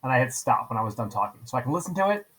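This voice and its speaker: In this informal screencast, a teacher explains software step by step, going over points again and often asking "right?" His medium-pitched voice is sing-song and a bit bright, delivered very fast, and the audio sounds slightly rough.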